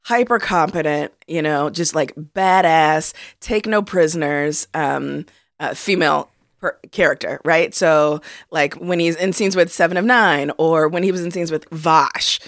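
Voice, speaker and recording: A woman co-hosting a podcast, talking in an animated, opinionated and slangy way. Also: low voice, a little slow, no room sound, studio quality. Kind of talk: casual chat.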